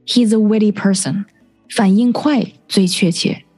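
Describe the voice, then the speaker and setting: Husky-voiced woman teaching English words. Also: medium pitch, a little slow, darkish tone, soft background music. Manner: patient, spells letter by letter and gives examples. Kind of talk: bilingual vocabulary teaching, spelling words out slowly.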